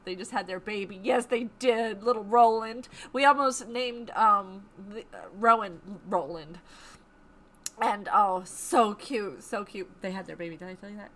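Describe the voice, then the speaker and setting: A woman co-hosting a homesteading live stream, chatting casually and excitedly, laughing often and repeating herself for emphasis. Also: medium pitch, measured pace. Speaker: homesteading channel co-host.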